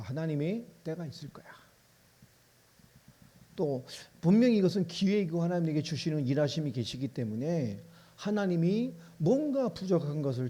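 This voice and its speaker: Male pastor, fairly high voice, mellow timbre; chatty sermon delivery, plays both sides of a dialogue. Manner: conversational preaching with rhetorical questions; acts out both sides of an imagined exchange. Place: church sanctuary.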